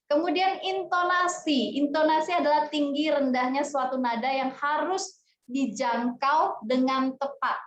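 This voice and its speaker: A woman teaching a music class talks her students through each point in an unhurried, conversational way. Her voice sits high and she takes her time. The recording is roomy and a little muffled. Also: slight background noise. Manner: chatty, explanatory, addresses students directly. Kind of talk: casual classroom explanation. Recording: echoey room, dull lo-fi sound.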